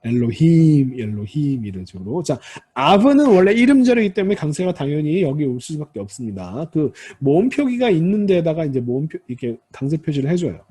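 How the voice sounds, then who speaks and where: Male language teacher, lively pitch, slightly husky, patient step-by-step lecturing, sounds out examples aloud. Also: fast, few pauses. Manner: explains step by step, addresses students politely; demonstrates Hebrew word stress aloud. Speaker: Hebrew instructor. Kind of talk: recorded lecture.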